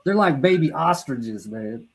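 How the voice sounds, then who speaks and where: A man's voice: medium pitch, expressive, a little slow, background noise. A middle-aged man telling a rambling, profane story in casual talk, laughing at his own tale and restarting sentences as he goes. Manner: restarts and stumbles mid-sentence.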